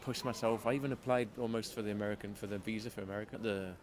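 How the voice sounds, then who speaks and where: A man's voice: lowish voice, fairly even intonation, very fast. A man chatting casually as an interview guest, self-deprecating and full of restarts. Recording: loud street and traffic noise.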